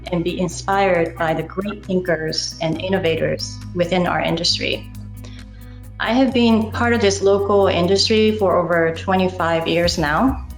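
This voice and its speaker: A middle-aged woman from Japan with a Japanese accent and Japanese as her first language, giving a measured, earnest acceptance speech as incoming chapter president, with small hesitations. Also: lowish voice, reverberant, low-quality recording.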